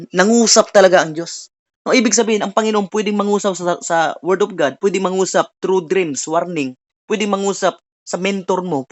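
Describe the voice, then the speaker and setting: A preacher giving a sermon, switching between Tagalog and English, often checking in with listeners through tag questions and reading scripture slowly before explaining it. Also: medium pitch.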